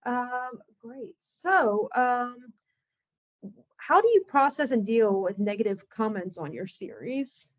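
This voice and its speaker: A woman's voice: a little high, lively intonation, slow pace, no room sound, muffled recording. A woman interviewing a creator, asking questions in a friendly, agreeable way with many hesitant fillers.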